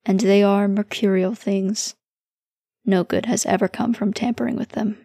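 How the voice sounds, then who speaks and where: A woman voicing a composed, formal male psychiatrist who speaks in precise, measured sentences. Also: medium pitch, fairly even intonation, gravelly, dark tone, breathy edge, dry recording, clean studio sound. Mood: solemn.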